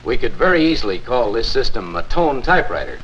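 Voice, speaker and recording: Courteous church organist, 1950s narrator style, very lively pitch, measured teaching, old muffled hissy promo film. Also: male voice. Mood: instructive, assured. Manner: measured, instructive, formal 1950s narrator delivery. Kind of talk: 1950s promotional film acting, scripted demonstration.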